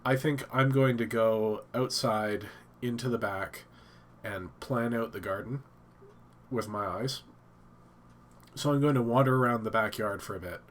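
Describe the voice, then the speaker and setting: A man's voice: mid-range voice, measured pace, a bit bright, slight background noise. A man hosting a casual live stream from his home office, stuffed up and thinking aloud with many fillers and restarts.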